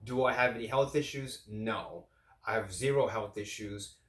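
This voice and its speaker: A man's voice: lowish voice, normal speed, a bit bright, echoey room. A man in his late thirties giving casual fitness advice straight to camera, rambling and often restarting his sentences. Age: late 30s. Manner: rambling, repeats and restarts phrases. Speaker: fitness vlogger.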